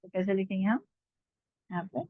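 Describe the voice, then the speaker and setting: A woman's voice: medium pitch, moderate pace, no echo, phone-quality sound. A woman teaching Urdu script in an online lesson, spelling words out letter by letter in a patient way.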